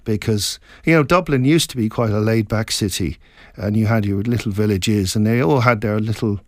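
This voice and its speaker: A reflective middle-aged Scottish author speaks in a lowish voice as an interview guest in casual chat. He meanders, halts, and restarts often. The studio-quality recording has no echo.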